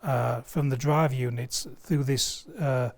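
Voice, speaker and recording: Taking it slowly, with medium pitch and fairly even intonation, a loudspeaker company's sales director speaks as a guest in a video studio. He explains a product with enthusiasm in conversation, emphatic and fond of analogies drawn from everyday life.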